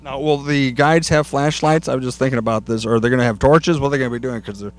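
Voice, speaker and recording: A man hosts outdoors on a wooded trail, chatting and joking casually with his guests. His mid-range voice moves fast with fairly even intonation.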